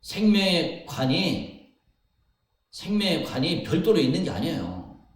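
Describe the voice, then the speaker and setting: Emphatic pastor in an echoey church. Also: male voice, fairly high pitch, sing-song, measured pace. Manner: emphatic, repeats phrases for stress. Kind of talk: sermon. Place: church sanctuary. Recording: very echoey hall, mic at a distance.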